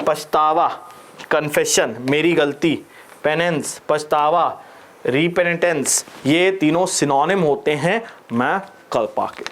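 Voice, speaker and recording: A man with an Indian accent teaching exam vocabulary in a playful, animated way, mixing Hindi and English and joking with his students. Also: fairly high pitch. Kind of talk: Hinglish exam vocabulary lesson.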